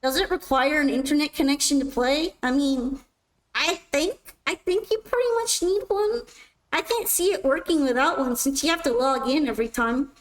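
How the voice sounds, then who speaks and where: A woman's voice: high voice, moderate pace, poor audio. A woman streamer chatting casually with her viewers while playing, self-mocking and answering questions. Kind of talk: casual chat while gaming.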